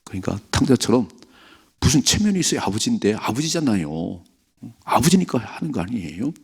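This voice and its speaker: A man's voice: mid-range voice, big pitch swings, brisk, vocal fry, slightly rough. A man preaching a dawn sermon as the pastor, earnestly acting out quoted voices as he goes.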